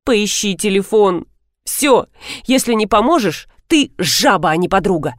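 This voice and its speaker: A woman's voice: mid-range voice, lively intonation, unhurried, no room sound, studio quality, close to an everyday voice. A woman voicing a pushy, frantic young mother who is insistent and tearful. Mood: indignant.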